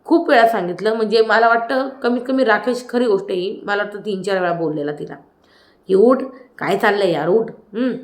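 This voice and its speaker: A woman giving a casual review of a reality show episode. She talks in a chatty way, retelling scenes with asides and quick self-corrections. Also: mid-range voice. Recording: roomy echoey room.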